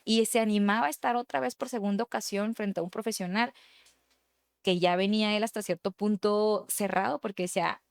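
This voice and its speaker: An earnest young woman tells a personal story with candor, often slipping into the voices of the people she quotes. Her voice sits at an ordinary middle pitch for a woman. It is recorded dry on a close mic, with no room sound. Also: steady tone, a little fast, creaky, dry recording. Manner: earnest, candid, quotes herself and others in dialogue. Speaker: psychotherapist guest. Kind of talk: personal storytelling in a podcast interview.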